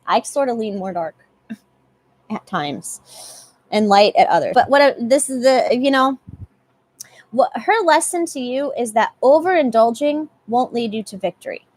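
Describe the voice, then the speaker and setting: A young woman talks through a live tarot reading in a loose, chatty way, often saying the same line twice. Her voice sits a little higher than most women's. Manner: chatty, repeats phrases, swears casually. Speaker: tarot reader.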